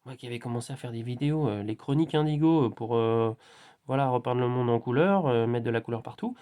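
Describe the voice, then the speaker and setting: A man's voice: medium pitch, fast talker, mellow, clear, resonant tone. A man vlogging in a casual spiritual monologue, rambling and playful, with lots of fillers and repeats.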